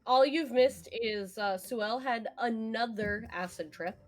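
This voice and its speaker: A woman's voice: fairly high pitch, slow, soft background music. A woman playing a tabletop game, chatty, laughing and cursing casually as she retells events. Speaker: player.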